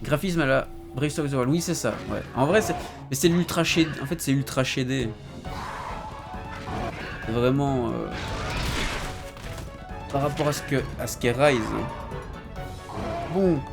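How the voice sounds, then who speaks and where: A man streaming a game, chatting casually with his viewers in slangy, relaxed talk. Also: mid-range voice, measured pace, long pauses, over music. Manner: laid-back, slangy, talks to chat by name.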